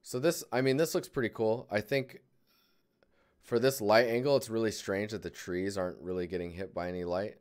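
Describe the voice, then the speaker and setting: A man's voice: fairly low pitch, fairly quick, clean tone. A man giving casual, rambling live critiques of digital art, thinking aloud as he clicks through images. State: yawning, tired.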